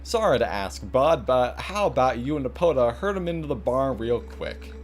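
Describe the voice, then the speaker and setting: A man's voice: medium pitch, very animated, normal speed, a little hiss or hum, close to an everyday voice. A man voicing a friendly, apologetic cowboy rancher from a video game, reading the lines in an exaggerated imitation cowboy accent. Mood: apologetic, hurried. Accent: exaggerated imitation cowboy drawl. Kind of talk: hammy video game dialogue read-aloud.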